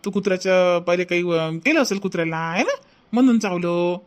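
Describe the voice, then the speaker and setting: A man's voice: sits high, brisk. A man voicing an uncle and doctor in a cartoon who soothes a crying child and gives instructions. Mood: coaxing. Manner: soothing, coaxing, then instructive. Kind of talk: cartoon voice acting.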